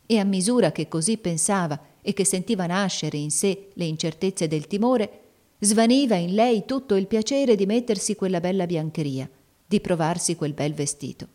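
A woman narrating a classic novel as an audiobook in a measured, steady manner. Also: medium pitch. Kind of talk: audiobook reading.

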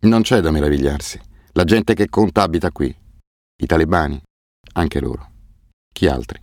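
A man's voice: very deep voice, moderate pace, vocal fry, a little mellow, dry recording, clean studio sound, full character voice. A man voicing a blunt, scornful male guide who speaks curtly. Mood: dry, curt. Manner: curt, contemptuous.

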